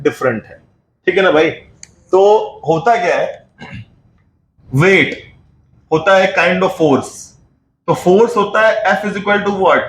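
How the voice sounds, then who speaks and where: A man teaching a physics class, asking his students questions and answering them himself, mixing in English terms. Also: high voice. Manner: mixes Hindi with English terms. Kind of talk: classroom lecture. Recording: echoey room with faint background noise.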